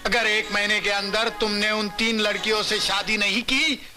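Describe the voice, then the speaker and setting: A man's voice: high-pitched, level tone, moderate pace, close to an everyday voice. A man voicing a scheming, bossy gangster father who makes sarcastic threats. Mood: scolding. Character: scheming gangster father called Hitler, menacing. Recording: music playing behind.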